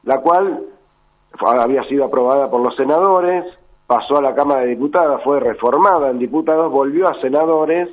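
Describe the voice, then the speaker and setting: A man with an Argentine accent speaks on a tinny phone line to a radio show. His voice is hoarse and sepulchral from a virus, at a middling pitch. He comments in a halting, deliberate way. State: sick with a virus. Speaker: political commentator calling in. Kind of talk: live phone interview commentary.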